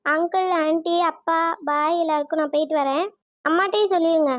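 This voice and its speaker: A very high, bright cartoon voice plays a young woman who boldly takes charge of building sites, with a woman acting her out. She talks briskly and bossily to her workers. The sound is bone-dry and close, with no room around it. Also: steady tone, no room sound, lo-fi sound. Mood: puzzled. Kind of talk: cartoon dubbing.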